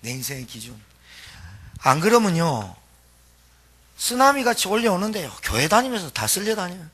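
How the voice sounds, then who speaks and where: A middle-aged man preaching with a husky, breathy edge and a bright, forceful tone. He swings his voice up and down a lot, pressing his points hard and throwing questions out to the congregation. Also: sits high, sing-song, normal speed. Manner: emphatic preaching with call-and-response questions to the congregation. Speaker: pastor. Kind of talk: sermon.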